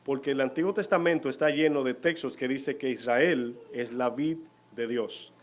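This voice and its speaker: A man's voice: medium pitch, moderate pace. Spanish-speaking preacher man. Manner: preaching to the congregation, asking questions. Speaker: pastor. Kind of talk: sermon. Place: church.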